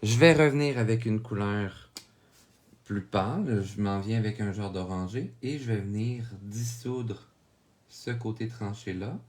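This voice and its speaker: Man, Québécois French accent, drawing tutorial, lower voice, unhurried delivery, calm step-by-step explanations. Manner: explains each step calmly, often checks in with viewers. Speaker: drawing instructor.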